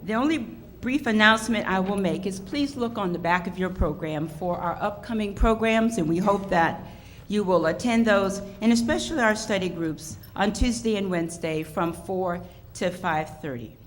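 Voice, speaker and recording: A woman speaks at a podium, hosting and introducing a formal program. Her voice sits at an average pitch. The live event recording has some faint background noise. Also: normal speed. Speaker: institute associate director, event host. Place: public event venue, audience present.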